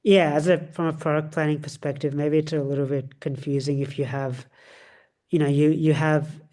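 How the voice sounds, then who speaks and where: Mellow-voiced podcast co-host. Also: medium pitch, little pitch movement, moderate pace. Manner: rambling, lots of fillers and restarts. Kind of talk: casual chat about cars.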